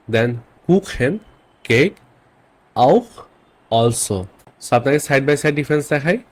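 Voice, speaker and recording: A man teaching a beginner language lesson, who says each example word slowly, repeats it and often checks in with an "okay?". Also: medium pitch.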